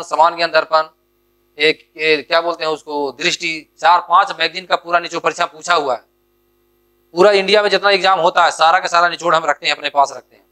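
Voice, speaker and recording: A man teaching an exam strategy lesson, drilling students with quick questions and answers and urging them on. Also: fairly high pitch, pushed and bright.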